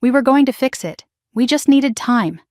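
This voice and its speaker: A woman's voice: sits high, lively intonation, moderate pace, a little mellow, no room sound, clean studio sound, voice pushed up. A woman voicing an anxious, guilt-ridden middle-aged mother who talks in a pleading, placating way in a storybook drama.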